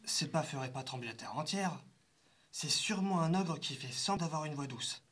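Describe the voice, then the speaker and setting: A woman voicing a timid little ghost boy who speaks in a hushed, fearful way. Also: deep voice, lively intonation, normal speed, pitched below the performer's own voice.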